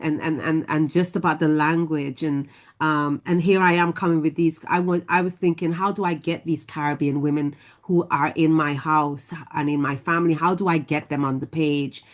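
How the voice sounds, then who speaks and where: Woman, very low voice, poet on a panel, reflective, restarts often, pauses to search for words. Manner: thoughtful, halting, many restarts. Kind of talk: panel discussion.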